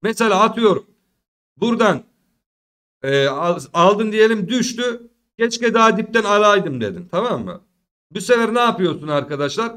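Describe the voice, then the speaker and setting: A young man with a fairly high voice lectures his audience earnestly. He talks to them like friends and repeats his warnings to drive them home. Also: big pitch swings, normal speed, pauses often, a bit bright. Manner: earnest, preachy, addresses viewers as friends. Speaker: crypto market commentator. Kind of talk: casual talk to viewers.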